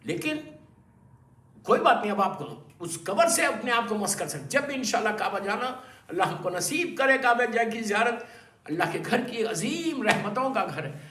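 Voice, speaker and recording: A man preaching an impassioned sermon, dropping to a hush and then rising to loud urging, with English phrases mixed in. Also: high-pitched. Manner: impassioned, swings from hushed storytelling to loud emphatic urging. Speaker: Islamic preacher. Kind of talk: Urdu sermon. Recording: echoey, from a distance, faint noise.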